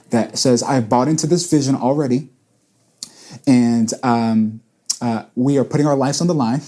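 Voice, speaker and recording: A mellow, mid-range male voice belongs to a pastor and church planter in his late twenties. He talks earnestly in a casual panel conversation, repeating words as he works through his thoughts.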